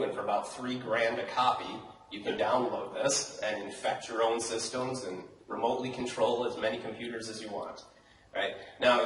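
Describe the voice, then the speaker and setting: A man's voice: on the low side, far from the mic, slight background noise. A man giving a casual technical talk at a college hackathon, chatty and often asking his audience "right?". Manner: casual, chatty presenter with frequent "right?" and laughs. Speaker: conference speaker. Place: lecture hall at a college hackathon. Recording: echoey hall recorded from afar.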